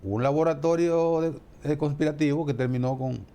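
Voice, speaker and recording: A man's voice: a little high, moderate pace, warm tone, clear, resonant tone. A man commenting on politics in casual studio talk, often repeating words as he searches for the next phrase.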